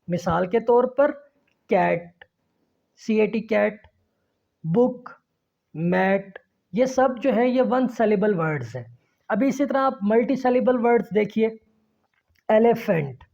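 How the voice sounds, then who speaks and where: A woman's voice: medium pitch, gravelly, warm tone. A woman teacher explaining a lesson, spelling words out letter by letter and repeating each example. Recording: dull lo-fi recording.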